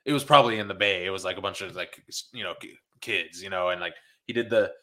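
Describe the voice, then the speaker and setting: A man's voice: sits low, fast, pushed and bright. A man co-hosting a casual podcast, laid-back and swearing casually, with frequent laughter. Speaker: podcast co-host. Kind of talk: casual chat.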